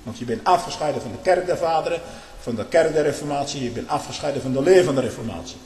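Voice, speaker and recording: Man, preacher, fiery and emphatic, slightly high voice, echoey room. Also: fast. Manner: fiery and emphatic, swings from loud outbursts to low muttering. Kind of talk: impassioned sermon-style monologue. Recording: echoey hall with long reverb.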